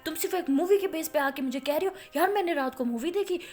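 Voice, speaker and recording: A woman's voice: fast, darkish tone, natural voice. Woman putting on a flustered young college girl. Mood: exasperated. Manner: exasperated, high-strung outbursts.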